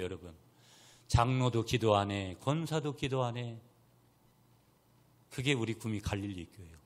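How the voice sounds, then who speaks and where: A middle-aged male senior pastor preaching a sermon, speaking emphatically and addressing the congregation directly. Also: mid-range voice.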